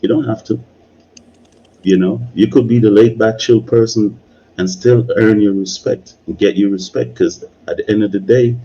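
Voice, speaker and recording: Speaking in a low, steady, warm voice with a breathy edge, a video creator leads a live discussion at a moderate pace, sharing opinions and advice, restating things and frequently saying "you know." The audio sounds dull.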